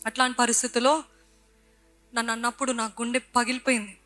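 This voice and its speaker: A woman's voice: a little high, little pitch movement, a little fast, pushed and bright, soft background music. A woman with a Telugu accent preaching a sermon, emphatic and repetitive, switching between Telugu and English lines. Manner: emphatic, repeating phrases, mixing in English lines.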